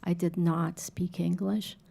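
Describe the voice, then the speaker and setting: A woman on an arts commission, making a slow, deliberate, heartfelt comment at a public meeting. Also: fairly low pitch, flat delivery, gravelly, dark tone. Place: city council chamber.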